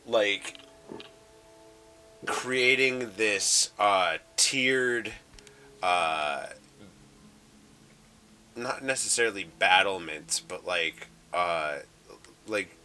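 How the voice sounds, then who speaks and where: Man, game master, deep voice, bright tone, halting with lots of fillers, faint music behind. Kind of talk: improvised game narration. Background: faint background music.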